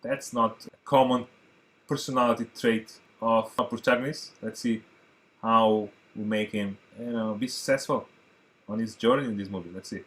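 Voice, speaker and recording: A man from Portugal in his thirties, a native Portuguese speaker, chatting excitedly to viewers as he reacts to an old film. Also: on the low side, moderate pace. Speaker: movie reaction host. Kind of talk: casual reaction commentary.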